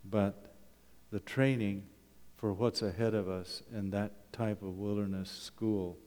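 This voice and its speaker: A Canadian wilderness school principal, a middle-aged or older man, speaks slowly in a lowish, steady, mellow voice. His folksy, humorous slide talk to a church congregation is full of rhetorical questions, and the church hall adds long, echoey reverb.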